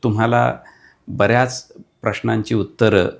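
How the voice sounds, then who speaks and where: Gravelly-voiced man reciting poetry. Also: lowish voice, little pitch movement, normal speed. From Maharashtra. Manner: declamatory, rhythmic recitation with repeated lines. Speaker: poet, guest.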